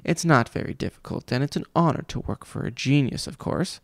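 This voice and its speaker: This man's voice sits a little high and moves a little fast, recorded dry and close to how he normally talks. He voices a children's storybook vice principal, a pompous, cruel man who believes he's a genius. The tone is pompous and scolding, delivered with condescension and mockery.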